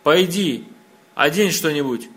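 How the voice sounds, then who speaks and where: Man doing a gruff father, angry, scolding, loud, storybook reading. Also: fairly high pitch, expressive, measured pace. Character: angry hot-tempered father, grown man.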